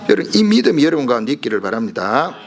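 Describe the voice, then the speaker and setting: A man's voice: medium pitch, rapid-fire, creaky. A middle-aged man, preaching a sermon as a pastor and acting out the cries in his story. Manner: animated preaching, acts out the blind man's cries.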